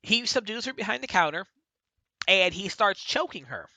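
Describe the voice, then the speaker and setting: A man's voice: high-pitched, expressive, moderate pace, sharp tone, no room sound. A man giving a casual spoken review, retelling events in a rambling way with many fillers and self-corrections. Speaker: book and TV reviewer.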